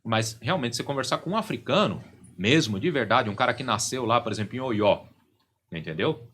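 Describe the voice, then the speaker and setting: As a guest on a podcast, this middle-aged religious leader gives long explanations in a relaxed studio conversation, forever checking in with "right?" and "you know?" and tagging phrases with "né?" and "entende?". His mid-range voice is lively, fairly quick and a bit bright, with slight background noise.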